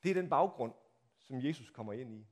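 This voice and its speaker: A man preaching a sermon, telling the story dramatically, acting out the crowd's shouts and asking the listeners rhetorical questions, swinging from hushed to loud. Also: medium pitch, lively intonation. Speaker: pastor. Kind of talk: Palm Sunday sermon.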